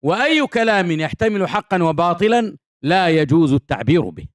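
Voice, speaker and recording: A man's voice: sits high, sing-song, brisk. A man giving a classical Arabic creed lesson at a conference, repeating key phrases and asking the audience rhetorical questions. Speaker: Islamic scholar teaching a creed text. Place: conference hall.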